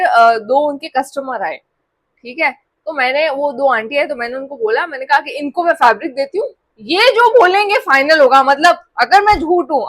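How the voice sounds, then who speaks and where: Young woman vlogger, high voice, dry close sound, animated storytelling, switches between voices in an argument. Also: no echo. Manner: animated, acts out both sides of an argument. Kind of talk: casual storytelling to camera.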